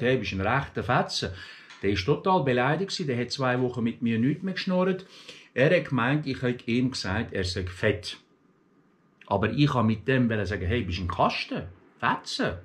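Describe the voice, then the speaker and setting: A middle-aged man with a Swiss German accent from Aargau, chatting casually to his followers and telling stories with many fillers and restarts. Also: medium pitch. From Switzerland, grew up in Aargau. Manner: chatty, storytelling, many fillers and restarts, mimics other dialects. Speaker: vlogger. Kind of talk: casual rambling monologue.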